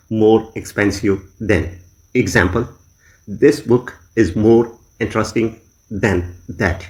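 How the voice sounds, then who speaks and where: A low-pitched man teaches a grammar lesson at a very slow, deliberate pace. He dictates example sentences word by word, pausing between phrases the way a tutor does in a recorded class. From Pakistan. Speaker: English teacher. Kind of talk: grammar lesson explaining in Urdu.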